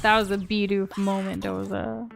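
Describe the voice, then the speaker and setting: A woman's voice: mid-range voice, level tone, normal speed, creaky. A woman co-hosting a gaming session, giving casual commentary on the play. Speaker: gaming co-host. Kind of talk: casual game commentary with dramatic read-outs. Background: game music.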